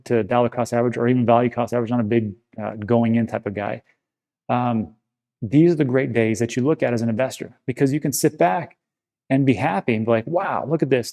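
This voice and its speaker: A man talks straight to his viewers in a casual vlog, wandering through his points and restarting sentences as he reassures them. His voice is gravelly and low in brightness, mellow rather than sharp. He sounds like a regular host of his own channel. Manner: rambling, reassuring, with frequent restarts. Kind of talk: casual talking-to-camera vlog.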